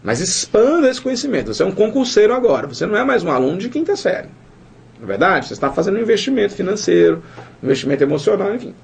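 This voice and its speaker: A man's voice: high-pitched, sing-song, very fast, vocal fry, husky. A man with a Brazilian Portuguese accent teaching a recorded lesson, keeps checking in with the viewer through tag questions.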